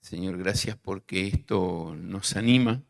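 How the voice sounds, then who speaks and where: A man with a gravelly voice leading a slow, measured spoken prayer. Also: low voice, in a large hall. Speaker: leader praying.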